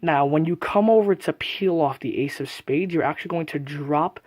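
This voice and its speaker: A man's voice: on the high side, moderate pace, darkish tone, no room sound, studio quality. A man giving a casual, methodical step-by-step card trick tutorial, often recapping as he goes. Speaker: magic tutorial presenter.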